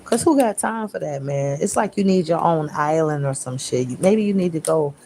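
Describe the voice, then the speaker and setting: Blunt, profane woman tarot reader, casual and animated, slightly low voice, faint noise. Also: moderate pace. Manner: profane, blunt, animated slang-heavy talk; mimics listeners in raised voice.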